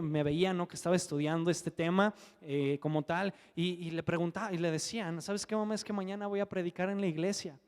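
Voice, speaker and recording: A man's voice: on the high side, darkish tone. A man preaching a sermon and telling a personal testimony in an earnest, conversational way, often adding tag questions. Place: church hall. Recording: long church hall reverb.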